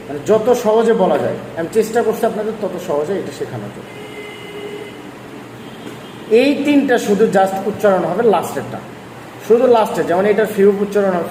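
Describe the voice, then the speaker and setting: A man's voice: sits high, a little mellow. A male language teacher explaining a lesson patiently, repeating points and urging his students to practice. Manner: repetitive, coaxing explainer. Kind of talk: online lesson. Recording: echoey room, faint noise.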